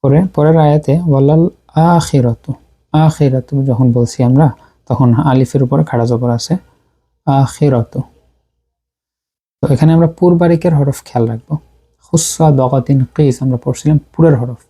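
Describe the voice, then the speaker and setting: Male recitation teacher with a very dark, mellow voice. He drills syllables patiently. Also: mid-range voice, slightly rough. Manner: patient, repeats syllables slowly to drill pronunciation. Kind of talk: tajweed lesson.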